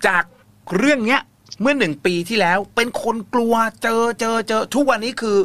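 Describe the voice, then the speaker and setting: A man's voice: very high voice, fairly quick, no room sound. A man hosting a ghost-story radio talk show, chatting casually and encouragingly with a caller, often humming along. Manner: warm, encouraging, many soft hums. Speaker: host. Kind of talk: casual chat.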